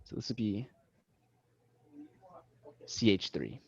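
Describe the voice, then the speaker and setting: A young student tutor runs a casual study session for his classmates over a video call, joking and putting himself down as he explains things. His voice is lowish, creaky and husky, very animated yet slow, and the call audio is dull and lo-fi.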